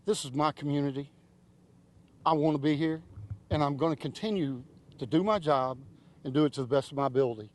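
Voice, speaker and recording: A man's voice: on the high side, fairly quick, long pauses, a little mellow. A man speaking in an unscripted news interview, defensive and matter-of-fact. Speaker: city manager in a news interview.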